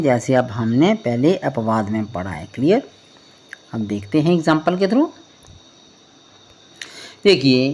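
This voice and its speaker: A man teaching a pronunciation lesson, spelling words out letter by letter and often checking whether it is clear. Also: on the high side. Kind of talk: spoken classroom lesson.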